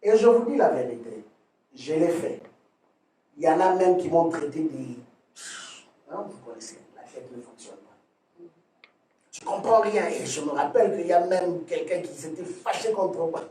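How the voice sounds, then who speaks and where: A man preaches a sermon with a high-pitched voice, swinging between loud emphatic phrases and quiet asides and repeating words as he restarts. The room is echoey, and he sounds set back from the microphone. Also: lively intonation, moderate pace, long pauses, distant mic, a little hiss or hum. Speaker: pastor. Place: church hall.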